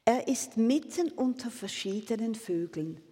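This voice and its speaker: Slow, breathy woman preaching. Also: fairly high pitch, animated, warm tone, in a large hall. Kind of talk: sermon with read-aloud story.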